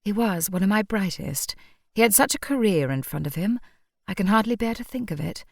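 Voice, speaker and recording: An effusive, theatrical drama teacher who gushes over her guests, as a woman reads her. Her voice sits a little higher than the narration, close and dry. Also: lively intonation, fairly quick, creaky, darkish tone, no echo. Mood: gushing.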